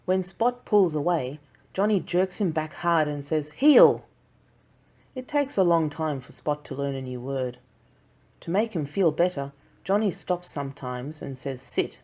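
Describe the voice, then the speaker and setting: A woman narrating a children's storybook in a slow, clear and gentle reading voice. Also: low voice, lively intonation. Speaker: audiobook narrator.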